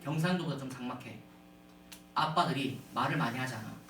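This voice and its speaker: A man giving a humorous storytelling sermon to a youth retreat, animated and often addressing the audience, in a large echoey hall from a distance. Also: mid-range voice, fairly quick, a little hiss or hum.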